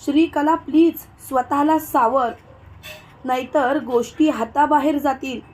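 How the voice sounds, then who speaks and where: A scheming middle-aged father from a retold serial story, coaxing and soothing, as a woman narrator reads his lines. The voice stays high and close to her plain reading tone. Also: unhurried, low-quality recording. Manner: soothing, urging calm.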